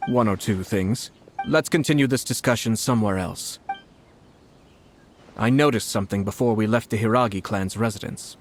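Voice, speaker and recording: A man's voice: lowish voice, normal speed, slight background noise, natural voice. A man playing a composed, refined young lord in a video game, speaking politely and with formal measure. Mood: reflective. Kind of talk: video game character dialogue.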